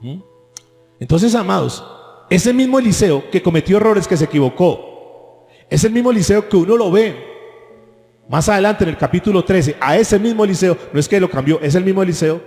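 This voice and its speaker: Faint music drifts through the echoey church hall as a pastor delivers his sermon. His voice sits high with a darkish tone, and he keeps posing rhetorical questions to the congregation.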